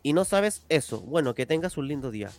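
A man's voice: on the high side, sing-song, brisk, darkish tone, faint music behind. A man co-hosting a casual podcast, making an emphatic, indignant complaint. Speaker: podcast co-host.

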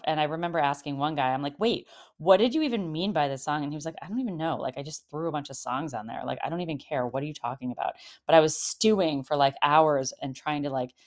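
A woman nearly fifty talking casually about dating in a rambling, chatty monologue, full of fillers and laughs. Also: deep voice. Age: 40s. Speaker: podcast host.

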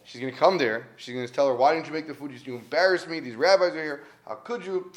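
Man doing earnest old rabbi, urgent, scolding, pleading, slightly high voice. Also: quick pace, natural voice.

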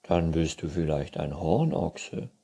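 A man's voice: a bass voice, animated, takes it slowly, dark tone, husky, exaggerated voice. A man voicing a sulky, indifferent dog in a children's story, dismissive and drawling. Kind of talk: children's book reading.

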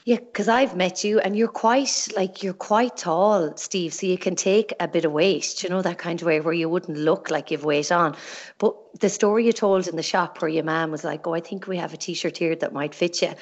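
Irish woman podcast host, chatty and informal, voice a bit on the low side. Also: normal speed, muffled recording. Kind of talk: podcast introduction and casual interview.

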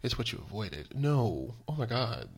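Earnest guy co-hosting a podcast, mid-pitch, gets animated and talks over himself. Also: normal speed, slightly rough. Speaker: podcast co-host. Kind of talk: casual podcast conversation.

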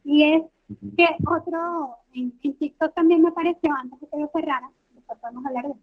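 High-pitched woman with coastal Caribbean Venezuelan accent. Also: fairly quick. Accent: Venezuelan, coastal Caribbean, sounding like coastal Colombian. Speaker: podcast guest. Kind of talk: casual opinionated discussion. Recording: thin, phone-like call audio.

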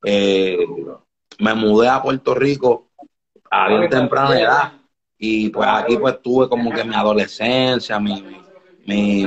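The sound is lo-fi, and his voice sits on the low side. As a music producer guest from the Dominican Republic, he chats in a laid-back way during a casual interview, repeatedly asking "you get me?" to make sure he's followed.

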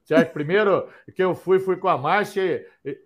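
Older guy, calling in over video, furious and stammering, a high voice. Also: moderate pace. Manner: angry, cursing, stammering. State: nervous. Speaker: viewer on a video call. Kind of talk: heated call-in rant.

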